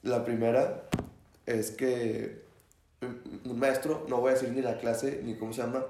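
A young adult male student tells a story in casual conversation, animatedly acting out shouts and quotes. His voice is medium-pitched and a little slow, with a reverberant sound.

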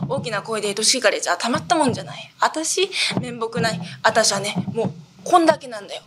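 A woman's voice: fairly high pitch, lively intonation, quick pace, crowd noise, natural voice. A woman voicing a polite, fussy middle-aged male shop clerk in a rakugo storytelling performance. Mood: exasperated.

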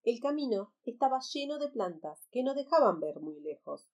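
A woman reading a children's story aloud in an expressive, animated storytelling manner. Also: fairly high pitch, moderate pace.

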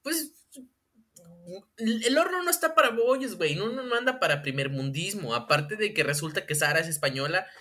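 Speaking fast with few pauses, this high-voiced man with a Mexican accent co-hosts a laid-back comedy podcast. He's animated and profane, and he laughs a lot.

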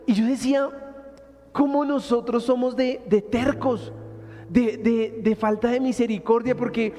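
A man in his thirties with a Colombian Spanish accent, preaching a sermon in a lively, colloquial storytelling manner. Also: extremely high pitch, a little slow. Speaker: pastor. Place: church hall. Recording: hall reverb with soft instrumental music.

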